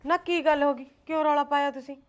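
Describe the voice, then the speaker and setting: A woman's voice: high-pitched, fairly even intonation, quick pace, close to an everyday voice. A middle-aged actress playing a patient mother who soothes and admonishes her grown children. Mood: soothing. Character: patient mother pleading for family peace. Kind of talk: film drama dialogue.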